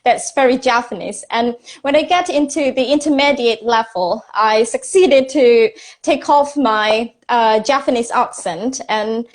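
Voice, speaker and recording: High, slow Indonesian-accented woman. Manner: hesitant, many "uh" and "you know" fillers. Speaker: host, English teacher. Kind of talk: live-stream conversation. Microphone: phone on a live video stream.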